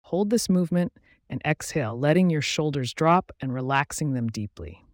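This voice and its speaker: A man guiding a relaxation meditation in a calm, soothing, measured way, giving instructions with pauses. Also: on the high side, no echo, studio quality. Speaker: meditation guide. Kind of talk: guided relaxation meditation narration.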